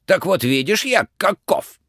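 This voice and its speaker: A man voicing a blustering, angry old tsar in a storybook reading, shouting threats. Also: high-pitched, sing-song, measured pace, no room sound, clean studio sound, pitched above the performer's own voice, full character voice. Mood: mocking.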